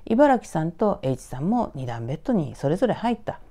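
A woman from Tokyo telling a ghost story in a hushed, dramatic way, sinking into whispers and voicing the eerie sounds herself. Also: lowish voice, big pitch swings, brisk. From Tokyo, Japan. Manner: hushed, dramatic, dropping to whispers at tense moments; sound effects voiced aloud. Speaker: ghost story author and narrator.

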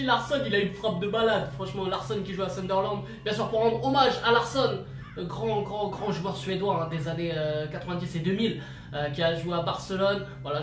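A man commentating his own football video game match in casual slang, excitable and bursting into shouts at big moments. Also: sits high. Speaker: gaming YouTuber. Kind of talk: live gameplay commentary. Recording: roomy, distant mic, music behind.

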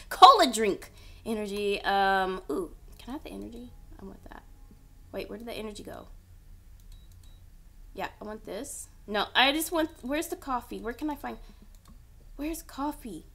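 A woman's voice: mid-range voice, sharp tone. A woman hosting a let's-play of a horror game, chatting and scolding her character aloud, sometimes dropping to a whisper. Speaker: gaming channel host.

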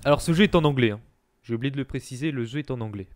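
A man hosting a live let's-play, chatting to his viewers and reacting excitedly to the game. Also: medium pitch, racing, noisy background. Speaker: gaming streamer, host.

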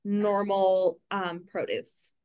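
A woman's voice: medium pitch, flat delivery, drawn-out words, a little mellow, clean tone, no room sound. A young adult woman moderating a Q&A, reading audience questions politely with some hesitation, over a video call. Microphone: video call webcam.

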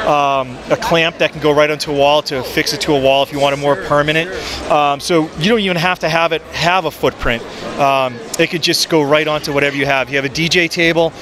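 A man in his forties giving an upbeat sales pitch for his product on a handheld mic, with frequent ums, in a busy expo hall. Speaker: photo booth maker. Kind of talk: trade show product pitch. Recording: noisy trade show floor.

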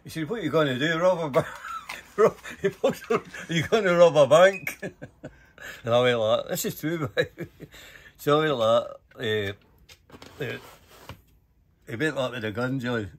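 This older Scotsman's voice runs a little high, at a measured pace with long pauses, while he tells relaxed, profanity-laced anecdotes and animatedly voices the dialogue. There's slight background noise.

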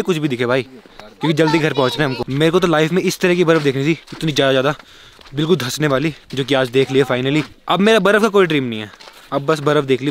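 Fast-talking excitable young male vlogger. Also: fairly high pitch, slight background noise. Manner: chatty, excitable, addresses viewers as guys. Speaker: travel vlogger. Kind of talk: casual vlog narration.

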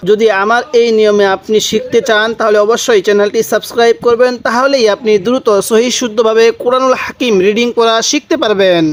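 A man teaching Quran reading, drawing out each letter slowly and prompting his viewers to answer. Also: very high voice, steady tone. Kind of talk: Quran recitation lesson.

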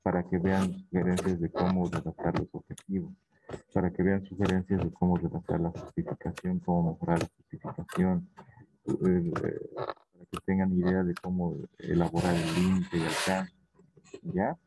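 A man's voice: sits low, level tone, moderate pace. A man teaching a university class online, explaining plans and checking in with the students often. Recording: noisy class recording.

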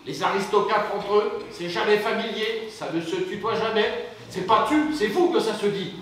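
A man's voice: sits high, moderate pace, fairly bright tone. An actor playing a man who coaches others in aristocratic manners, with a didactic, instructive way of speaking. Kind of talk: film acting. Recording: echoey, distant film sound, faint noise.

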